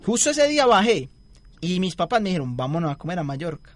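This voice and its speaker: A man's voice: high voice, sing-song, fast, dry recording. A young man telling a long, rambling story in casual chat and acting out the quotes. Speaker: guest storyteller.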